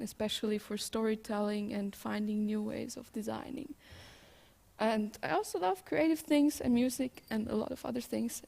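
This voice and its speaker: A woman's voice: a little high, gravelly, a little mellow. A woman from Switzerland with a Swiss German accent, giving an informal tech talk as a conference speaker.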